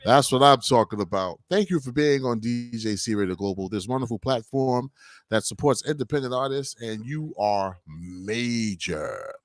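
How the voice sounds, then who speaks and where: A man hosts a radio interview, full of hype and shout-outs. His pitch sits in the middle for a man, and the sound is dry and close with no room around it. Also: normal speed, dry recording. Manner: enthusiastic, hyped-up. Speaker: radio host.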